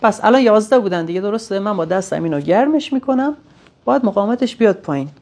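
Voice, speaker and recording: A woman's voice: medium pitch, expressive, darkish tone. A woman walks through a practical repair tutorial one step at a time. She speaks plainly, stopping now and then to think aloud mid-sentence. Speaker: technician demonstrating sensor tests. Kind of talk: hands-on technical tutorial.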